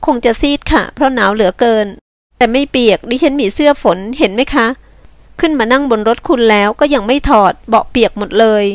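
A woman's voice: fairly high pitch, fairly quick, no room sound, pitched above the performer's own voice, natural voice. A woman reading a novel aloud, voicing a distressed young woman who speaks politely and pleads. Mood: pleading. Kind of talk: novel reading with voiced dialogue.

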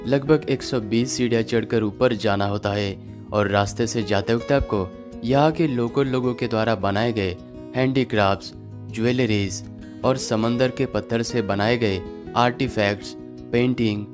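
A man's voice: medium pitch, normal speed. Man narrating a travel guide over guitar. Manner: steady informative narration. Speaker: travel vlogger. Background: clear guitar music.

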